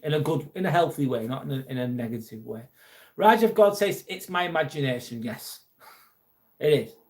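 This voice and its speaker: An Englishman hosts a live stream, chatting casually, reading out viewer comments and joking about a troll with mild irritation. His mid-range voice is animated and fairly quick.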